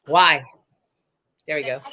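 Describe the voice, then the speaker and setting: A man's voice: a little high, fairly even intonation, slow pace, sharp tone, faint music behind. A man chatting casually during a paranormal session, musing and asking questions in short, tentative phrases.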